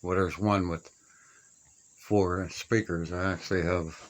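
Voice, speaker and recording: In a small upstairs room being stripped to studs, a radio hobbyist shows his collection, with slight background noise around him. The older man's voice sits low, his tone steady and his pace measured, as he chats and reminisces in a homespun, folksy way.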